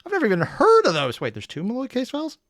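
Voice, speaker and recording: A man hosting a reaction video, commenting casually off the cuff in halting, rambling asides. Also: very high voice, wildly swooping pitch, a bit bright, no room sound, studio quality.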